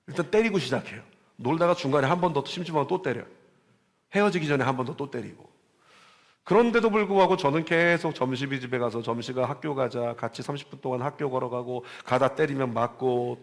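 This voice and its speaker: A middle-aged man preaching a sermon as pastor, telling a story and moving between quiet and loud emphasis. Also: a little high, gravelly. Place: church sanctuary. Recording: long hall reverb.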